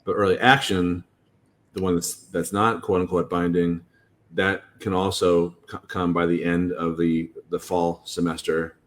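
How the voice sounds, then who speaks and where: A man with a very low voice hosts a podcast about college admissions. He explains things casually and often stops to restart his sentences. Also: flat delivery. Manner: halting, many restarts and fillers.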